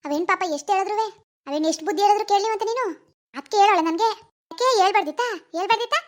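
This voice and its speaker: Cartoon mother, enraged, voiced by a woman, very high and shrill, rattles off insults at speed. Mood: angry scolding. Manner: shrill, rapid scolding with insults. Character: furious village mother scolding her teenage daughter.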